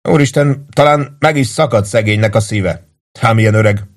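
Man doing a fretful, excitable army lieutenant. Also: on the low side, pitched above the performer's own voice, natural voice. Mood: agitated. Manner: agitated outbursts, exclamations. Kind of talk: audiobook character voice.

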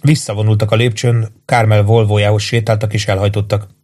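A man reading an audiobook in an even, measured way. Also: fairly low pitch. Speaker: audiobook narrator. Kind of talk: scripted narration.

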